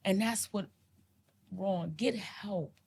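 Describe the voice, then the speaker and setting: A woman co-hosting an earnest podcast discussion pleads with listeners passionately, repeating herself as she goes. Her mid-range voice is creaky, darkish and slightly rough, and she takes her time speaking.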